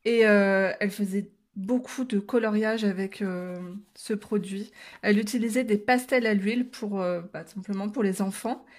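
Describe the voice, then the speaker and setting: A woman casually explaining a coloring technique step by step, talking to her viewers with frequent hesitant filler pauses and chatty asides. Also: medium pitch, fairly even intonation. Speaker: coloring tutorial creator.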